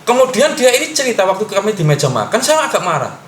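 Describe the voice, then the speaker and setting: A middle-aged man, a parent, explaining advice in a conversational way with frequent pauses and fillers. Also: high-pitched, big pitch swings, fairly bright tone, slight background noise. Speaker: parent guest sharing advice. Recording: echoey room.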